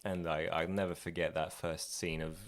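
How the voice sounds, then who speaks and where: A man co-hosts a podcast in easy, rambling conversation, warming up with enthusiasm. His voice sits very low. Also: flat delivery, normal speed. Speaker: podcast co-host. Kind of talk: casual chat.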